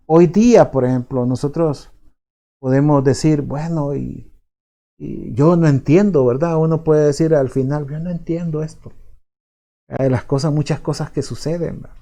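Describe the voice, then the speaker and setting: Pastor with a Salvadoran accent, mellow voice. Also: male voice, fairly high pitch. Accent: Salvadoran Spanish. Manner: conversational, often adds tag questions; halting, repeats words while searching for them. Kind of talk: sermon.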